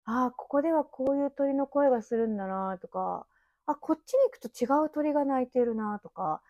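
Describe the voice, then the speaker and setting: Recorded on a phone app mic in an empty house, this thirty-something woman hosts a laid-back solo podcast. Her voice sits high and brisk, and the dry recording sounds muffled while she chats and rambles through memories with small laughs.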